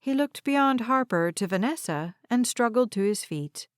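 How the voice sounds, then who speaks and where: A woman reading an audiobook novel in steady, even scripted narration into a close studio mic. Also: a little high, moderate pace, no echo.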